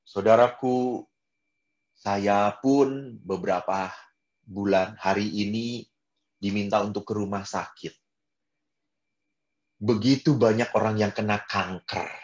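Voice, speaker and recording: Expressive male priest preaching. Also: slow pace, pauses often, lo-fi sound. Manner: expressive, wide swings in pitch and loudness; drops in English phrases. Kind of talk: sermon to a prayer group.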